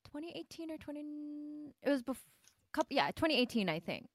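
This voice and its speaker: A woman in her thirties from Michigan with a Midwestern American accent, a podcast guest chatting casually in an excitable, animated way and laughing loudly. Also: high-pitched, moderate pace, vocal fry, no room sound, studio quality. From Michigan, USA. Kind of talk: casual chat.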